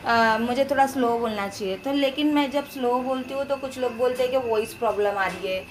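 Loud, chatty young woman vlogger from India. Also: a little high, brisk, slight background noise. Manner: talks loudly and chattily to viewers. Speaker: family vlogger. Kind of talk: casual home vlog voice-over. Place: at home, indoors.

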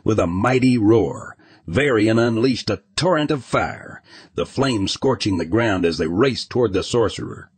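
Deep husky male audiobook narrator. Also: expressive, unhurried, no echo. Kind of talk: scripted fantasy narration.

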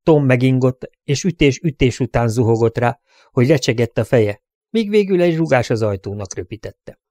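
Man, audiobook narration, even delivery, mid-pitched voice, dry close mic. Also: no room sound.

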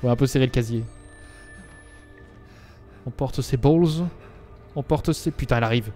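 A man's voice: medium pitch, normal speed, mellow, soft background music. A young man streaming a game live, chatting to his viewers and bursting into dramatic yelps when scared. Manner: talks to viewers and game characters. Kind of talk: live gameplay commentary.

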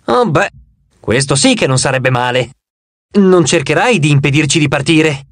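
A man voicing a weary immortal cowherd who speaks in a low, tired drawl, in an audiobook. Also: lively intonation, moderate pace, no room sound, lightly acted.

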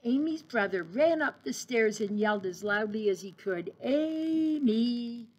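Woman reading kids a picture book, husky voice, lots of expression. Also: mid-range voice, normal speed, highs cut off. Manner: expressive, sing-song storytelling. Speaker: early childhood educator.

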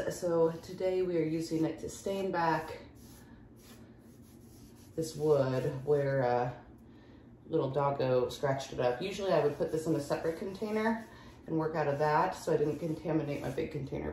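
A lifestyle vlogger with a low-pitched voice chats casually at a normal pace while working on a DIY project in a room of her home, demonstrating it on camera. The room echoes, soft music plays, and there's slight background noise.

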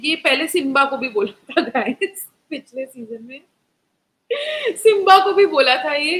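Young female streamer, high bright voice, animated casual review, chats with viewers. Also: poor audio. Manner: animated, mixes Hindi with English, talks to chat viewers. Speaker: live-stream host reviewing a reality show. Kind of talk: casual live-stream commentary.

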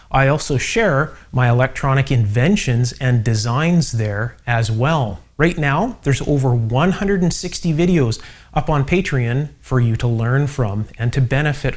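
Musing middle-aged man at a workbench. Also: mid-range voice. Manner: musing, thinks aloud with many fillers. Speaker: electronics channel host. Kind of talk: casual workbench demonstration. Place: home electronics workshop.

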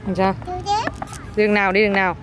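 A woman's voice: medium pitch, flat delivery, fast, a bit bright. A mother, chatting with her toddler outdoors and coaxing them in a playful, repetitive way. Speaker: mother filming her child. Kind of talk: casual chat with a toddler. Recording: faint outdoor noise.

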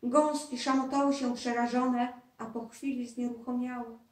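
A woman's voice: fairly high pitch, level tone, moderate pace. Woman reading a children's story, roomy. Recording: roomy, distant mic.

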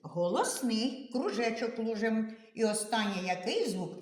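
A woman kindergarten teacher with a Ukrainian accent, speaking slowly in a lively sing-song voice that swoops up and down. She coaxes small children with questions through a phonics lesson, and her voice rings in a strongly echoing room. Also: fairly high pitch. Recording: echoey room.

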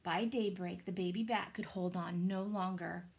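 A woman, reading a children's story aloud in a dramatic, deliberate way. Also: lowish voice, fairly even intonation, vocal fry, darkish tone. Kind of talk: expressive children's storybook narration. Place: small indoor room with shelves.

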